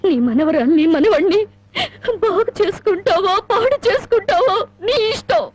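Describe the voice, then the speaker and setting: A woman's voice: very high voice, sing-song, moderate pace. An actress playing a wronged young wife who reproaches her gambling husband with sarcasm, in a film drama. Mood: despairing. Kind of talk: Telugu film drama acting. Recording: film soundtrack with music behind.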